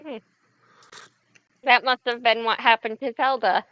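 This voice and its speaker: A woman's voice: fairly high pitch, steady tone, measured pace, no room sound. A woman co-hosting a game playthrough with casual chat, recorded a little dully. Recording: slightly dull, lo-fi mic.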